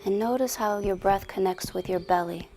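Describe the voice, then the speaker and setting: With music playing behind her, a woman guides a meditation in a mid-range voice, slow and soothing, leaving long pauses. Her soft speech often drops almost to a whisper.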